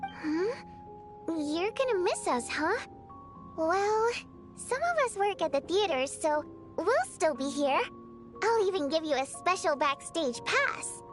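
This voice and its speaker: A woman playing a spirited, cheerful young female water imp singer in a video game, expressive, theatrical and easily flustered. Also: very high-pitched, slow, soft background music, full character voice. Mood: cheerful, reassuring. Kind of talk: animated game voice acting.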